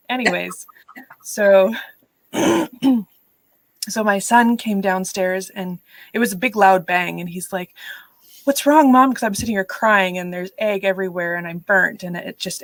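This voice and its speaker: A woman's voice: mid-range voice, fairly bright tone, no room sound, low-quality recording. A middle-aged woman hosting a live writing stream, chatting casually, telling stories and laughing often. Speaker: host of live writing sprints. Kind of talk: casual livestream chat.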